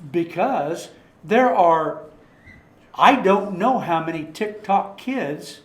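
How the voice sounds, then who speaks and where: A man's voice: sits high, expressive, slow. A man leading a church study group in casual, rambling talk, restarting sentences and asking the group rhetorical questions. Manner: rambling, with frequent restarts and repeated words. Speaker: Bible study leader. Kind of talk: informal Bible study talk. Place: church meeting room. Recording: echoey room recording.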